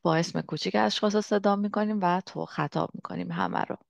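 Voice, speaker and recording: A woman teaching a language lesson, patiently explaining and slowly repeating sounds. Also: medium pitch, vocal fry, no echo. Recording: dull, dry lo-fi recording.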